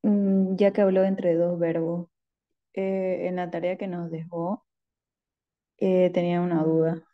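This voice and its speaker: Woman student, slow, unsure, muffled video call sound. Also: fairly low pitch, little pitch movement. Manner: hesitant, searching for words. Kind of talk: asking questions in class.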